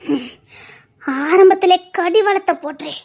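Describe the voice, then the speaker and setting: A woman's voice: extremely high pitch, a little slow, vocal fry, darkish tone, full character voice. An actress playing a bitter, abandoned middle-aged wife who lectures emphatically and repeats her warnings, in serial drama style. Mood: urging. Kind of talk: Tamil serial drama acting.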